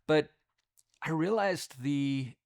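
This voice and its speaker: A man and company co-founder giving business advice in a relaxed, conversational way, with fillers and restarts. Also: fairly high pitch, slow, dry recording, clean studio sound. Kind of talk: casual talk to camera.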